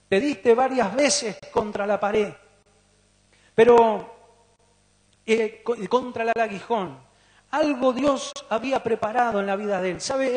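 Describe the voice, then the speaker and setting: A man with a Rioplatense Spanish accent preaching a sermon, putting questions to the congregation. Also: high-pitched. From Argentina. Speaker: pastor. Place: church hall. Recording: long church reverb.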